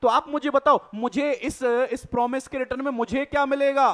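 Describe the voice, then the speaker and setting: Man, very high voice, revision lecture, slow read-out definitions, quick explanations, rhetorical questions. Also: fairly even intonation. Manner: reads definitions slowly, then explains fast with rhetorical questions. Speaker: teacher.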